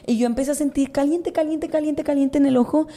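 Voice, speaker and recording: A woman's voice: sits high, fairly even intonation, quick pace, mellow. A young woman with a Mexican accent, telling a story in a casual, slangy podcast chat, with lots of repetition. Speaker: podcast co-host.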